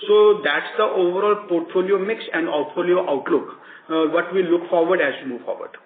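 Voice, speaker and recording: A man, a bank executive explaining results to analysts on a conference call, halting and rephrasing as he goes. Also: high-pitched. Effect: heard over a conference call line. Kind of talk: answering analyst questions on an earnings conference call. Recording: tinny echoey conference call line.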